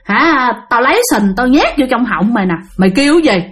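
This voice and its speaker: A woman's voice: lively intonation, fairly quick, natural voice. A woman voicing a menacing fanged old ghost woman, taunting and threatening. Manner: taunting, threatening, shrill calling.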